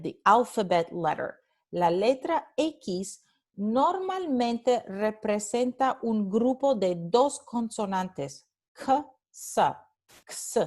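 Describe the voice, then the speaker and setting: A woman's voice: medium pitch, darkish tone. A woman teacher giving a recorded phonetics lecture, speaking carefully and repeating example sounds. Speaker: language teacher.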